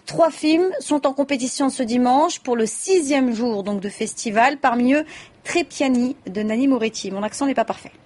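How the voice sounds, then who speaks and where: A woman's voice: a little high, normal speed, few pauses, a little mellow. A woman presenting a news bulletin and interviewing a correspondent, polite and lightly hesitant.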